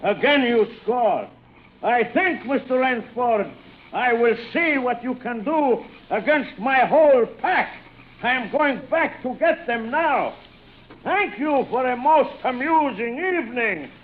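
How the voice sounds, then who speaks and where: An actor playing a gloating, courtly general who hunts people, slow and mockingly polite, in a vintage radio suspense drama. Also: male voice, very high-pitched, expressive, exaggerated voice. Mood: smug, amused. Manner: slow, suave, mockingly polite, savouring each phrase. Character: gloating, courtly villainous general hunting human prey. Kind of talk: 1940s radio suspense acting. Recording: muffled old radio broadcast, phone-like, music behind.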